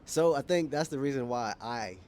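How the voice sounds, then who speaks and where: On an outdoor rooftop, a young man from Kenya vlogs casually to camera in an American accent, his mid-range voice animated, a little mellow, and at a moderate pace. There's a faint hiss or hum, and he rambles, self-corrects, and laughs frequently.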